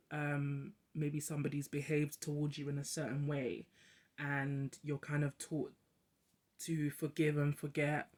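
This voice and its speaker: A young adult host speaking in a casual reflective monologue, talking quickly with many fillers and restarts. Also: mid-range voice, darkish tone.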